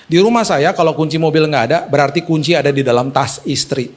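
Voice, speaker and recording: A man's voice: fairly high pitch, fast. A male pastor preaching a sermon, telling a story with acted-out dialogue. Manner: animated, acts out dialogue with raised voice.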